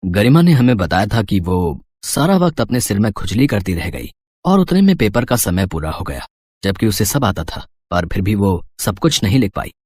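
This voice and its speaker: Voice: deep voice, sing-song, normal speed, a little mellow, no echo. An actor voicing a humble, worried poor farmer father in a cartoon, speaking earnestly and pleading. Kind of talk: cartoon voice acting.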